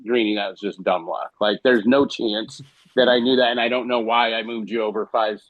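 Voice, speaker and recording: A man, a former high school baseball coach, telling stories casually on a podcast and acting out what others said. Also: brisk, dry recording, narrow, tinny audio. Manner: animated, quotes others in his stories.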